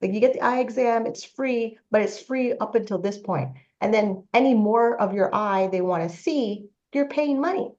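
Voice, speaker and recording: A woman's voice: fairly high pitch, normal speed, few pauses, mellow, dull audio. A Canadian woman in her late thirties, speaking as a panelist in a casual discussion, telling her story in a rambling, matter-of-fact way. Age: 30s.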